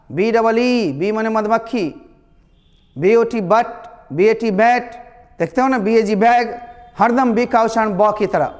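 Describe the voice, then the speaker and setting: Male teacher, slow and repetitive, with long reverb on the voice. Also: sits high. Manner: explains slowly, repeats words, addresses students as "my children". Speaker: English pronunciation teacher. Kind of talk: classroom lesson.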